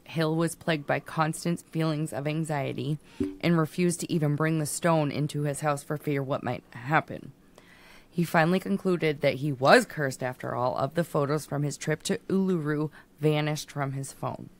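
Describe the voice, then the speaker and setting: A woman with a very low voice reads a news story to her co-hosts. She stumbles, restarts and giggles as she goes. The tone is casual podcast chat. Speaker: podcast co-host.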